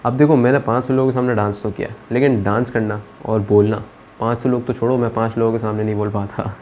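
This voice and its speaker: A man's voice: mid-range voice, steady tone, fast, muffled recording, slight background noise. A young man vlogging about his first stand-up comedy, talking conversationally as a self-described introvert and slipping into English phrases. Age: young adult. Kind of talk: reflective storytelling.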